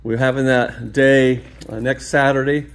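A man at a middle pitch narrates a walking tour of an empty new building. He talks casually into a handheld phone and rambles between excited praise and quiet muttered asides. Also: a little slow. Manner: enthusiastic, rambling, often drops to a mutter. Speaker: parish staff member giving a building tour. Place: large new school building, empty gym and halls. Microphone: handheld phone camera, speaker off screen.

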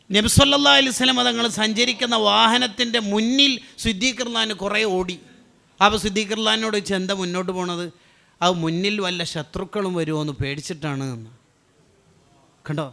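Preacher guy, high gravelly voice, bright, asks questions then answers em, loud then hushed. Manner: asks rhetorical questions and answers them himself; swings between loud urging and low intimate tones. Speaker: Islamic preacher. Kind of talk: sermon.

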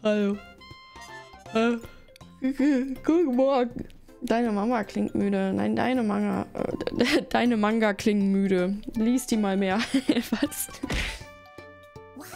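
A woman's voice: on the high side, steady tone, slow, a little mellow, soft background music. A woman live streamer chatting casually, giggling and teasing as she thanks viewers one after another, in a sleepy morning mood.

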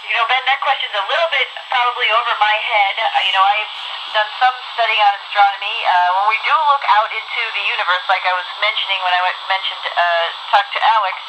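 A woman's voice: medium pitch, fast talker. Woman astronaut on noisy space radio. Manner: conversational, plain-spoken, ends answers with "over". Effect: space radio transmission. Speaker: astronaut answering questions over radio. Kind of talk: unscripted question-and-answer over radio. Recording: noisy radio link played from handheld receiver.

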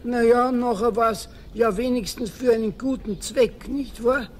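An old Bavarian caretaker, folksy. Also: male voice, very high voice, steady tone, unhurried, darkish tone, slight background noise. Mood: kindly stern. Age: older. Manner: folksy, chuckling, scolding kindly. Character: gruff but kindly old male caretaker. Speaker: building caretaker. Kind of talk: 1970s radio play acting.

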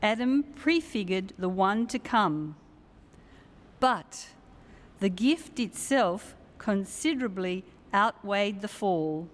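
A woman reading scripture as lector at Mass, careful and measured, heard with a cathedral echo. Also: mid-range voice, lively intonation. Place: large church. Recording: long church reverb.

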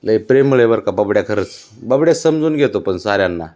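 A man talks to his pet cat in a doting, coaxing voice, asking it questions over and over. His pitch rises and falls a lot, in a lively sing-song. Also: fast talker. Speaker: cat owner. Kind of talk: casual talk to a pet cat.

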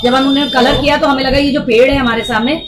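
A woman's voice: high-pitched, steady tone, fast. A woman in her forties, founder of a charity, answering interview questions earnestly into a handheld mic in a small indoor kitchen, with long explanations and frequent asides. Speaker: NGO founder. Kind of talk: on-camera interview. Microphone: handheld reporter's mic.

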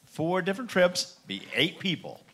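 A man with a somewhat high voice briskly runs through the details of a prize, like a spokesman making a promotional announcement. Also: big pitch swings, fairly bright tone, slightly rough. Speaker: sponsor spokesman. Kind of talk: promotional chat.

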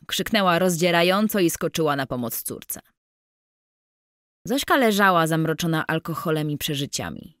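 Slow, measured woman audiobook narrator. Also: lowish voice, dry recording, studio quality.

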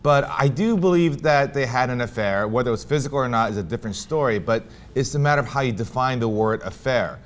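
Male co-host, argumentative, emphatic, mid-pitched voice. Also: expressive, fast, hardly any pauses. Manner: emphatic, argumentative, repeats points. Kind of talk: casual opinion talk.

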